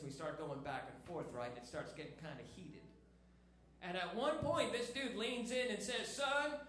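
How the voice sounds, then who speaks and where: A man's voice: fairly high pitch, a bit bright. A man in his thirties doing a conversational, punchy stand-up set and talking right to the crowd. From half Irish, half Filipino background. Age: 30s. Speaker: stand-up comedian. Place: comedy club stage. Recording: echoey noisy comedy club.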